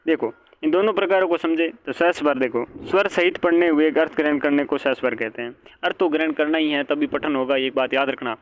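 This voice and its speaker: A man's voice: on the high side, brisk, slight background noise. Man teaching, repeating every point. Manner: repeats points, asks and answers his own questions. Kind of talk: exam-prep lecture. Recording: dull lo-fi audio.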